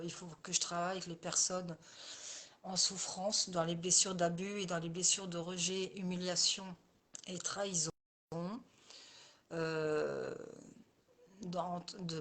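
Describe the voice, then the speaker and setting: A woman's voice: lowish voice, a bit bright. A woman coach and therapist talking casually with viewers in a live session, speaking to them by name and often circling back over the same phrases.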